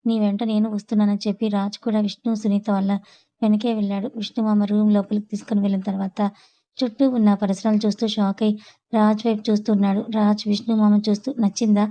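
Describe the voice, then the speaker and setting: A woman storyteller reading a serialized story aloud in a brisk, steady way. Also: medium pitch, rough recording.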